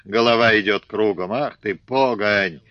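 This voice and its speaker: Мужчина изображает слабую избитую молодую крестьянку, стонущий умоляющий тон. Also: male voice, fairly low pitch, measured pace, a bit bright, no room sound, highs cut off. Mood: pleading.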